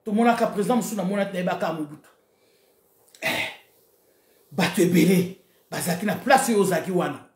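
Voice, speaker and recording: A woman with a Congolese accent, from the DRC, hosts a video and delivers an impassioned political rant to her online followers. She switches between Lingala and French, urging them on and hammering phrases through repetition. Her voice is on the low side and fairly quick, with long pauses, and the room is echoey.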